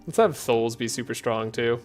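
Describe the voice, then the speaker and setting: A man streaming a card game, talking in a soft, relaxed, sleepy way with frequent chuckles. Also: medium pitch, fairly quick, soft background music. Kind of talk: relaxed gameplay commentary.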